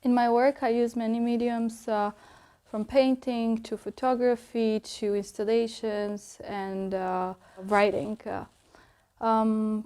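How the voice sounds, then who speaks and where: A young woman from Bosnia, giving reflective interview answers about her art and pausing often to think. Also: fairly high pitch, warm tone. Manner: thoughtful, pausing often with ums.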